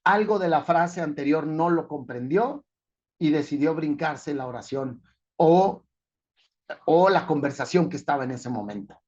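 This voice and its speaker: A man's voice: on the high side, expressive, a little slow, a little mellow, highs cut off. Man giving a conference talk. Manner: asks the audience rhetorical questions; explains with everyday examples. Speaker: conference speaker. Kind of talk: forum talk to a live audience.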